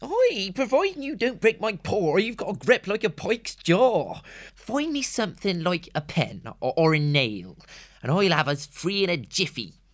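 A cheeky young hedgehog, voiced by a male narrator, pitched well above the narrator's own voice and kept soft and low in volume. He talks slowly, with lively rises and falls. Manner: soft, quick-witted, cheeky. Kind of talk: audiobook character voice.

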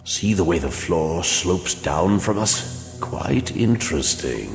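An actor playing an erudite, pompous old gentleman in a dramatized audiobook, wry and theatrical, with florid old-fashioned phrasing. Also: deep voice, lively intonation, slow pace, creaky, full character voice. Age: older. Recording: long reverb, faint music underneath.

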